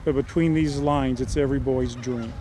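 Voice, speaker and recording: A man's voice: medium pitch, steady tone, normal speed, noisy background, natural voice. A man voicing a weary old ball manager. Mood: wistful.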